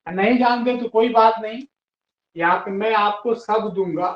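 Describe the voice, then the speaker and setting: Male teacher, high voice, spells words out slowly, patient, roomy dull lo-fi classroom sound. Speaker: English teacher. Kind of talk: classroom lesson.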